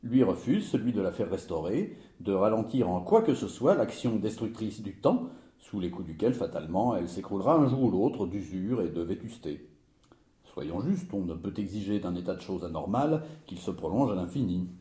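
Wry know-it-all,: low, mellow voice that swoops widely; roomy sound. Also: male voice, sing-song, moderate pace. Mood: lecturing. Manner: mocking, knowing, pedantic. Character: wry, pedantic man teasing his friend. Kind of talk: stage comedy dialogue.

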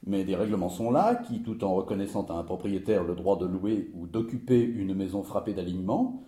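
A man's voice: sits low, fairly quick, mellow, roomy sound, close to an everyday voice. A man playing a wry, pedantic friend who teases and lectures with a mocking, knowing manner. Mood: lecturing. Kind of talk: stage comedy dialogue.

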